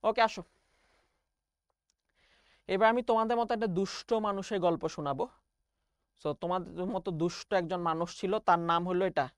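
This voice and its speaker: A woman's voice: lowish voice, brisk, long pauses, dry recording, studio quality. A young woman math teacher. She explains step by step and calls her students "baba" in an online class lecture.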